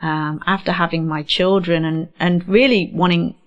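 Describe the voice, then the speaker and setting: On a studio microphone with a muffled sound, a middle-aged woman from England, her English accent slight, speaks as a radio interview guest and neurodiversity educator. Her voice is lowish and steady at a moderate pace, and she talks candidly and reflectively with many hesitations.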